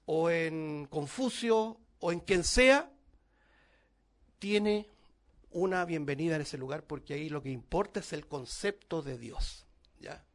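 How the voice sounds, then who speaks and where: A man preaching a sermon to his congregation, lifting his voice on key words and dropping to a hush at the ends of phrases. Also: high voice. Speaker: pastor.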